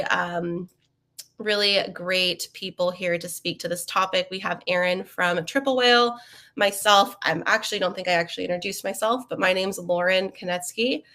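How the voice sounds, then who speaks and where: The webinar host, a young woman with a mid-range voice, sounds bright and forceful. She's slightly sniffly, on the mend from a cold, and her live session is upbeat and chatty, heavy on ums and uhs.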